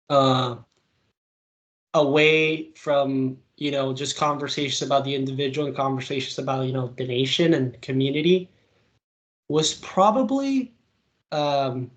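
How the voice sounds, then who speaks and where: This young man from Venezuela, a political commentator, has a fairly high-pitched voice. In the interview he responds in an animated, informal way, with many fillers and fast bursts.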